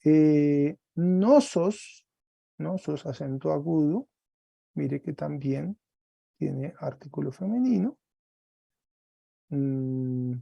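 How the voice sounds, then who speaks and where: A man teaching a Greek class online, explaining slowly step by step and often checking with "¿cierto?". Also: a little high, animated, vocal fry, warm tone, dry recording, highs cut off.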